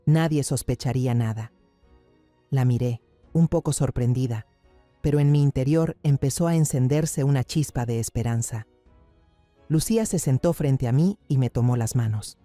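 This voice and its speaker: Dark-voiced man narrating a drama. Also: medium pitch, normal speed, no room sound, faint music behind. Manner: somber, dramatic. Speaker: storyteller. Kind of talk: scripted first-person story narration.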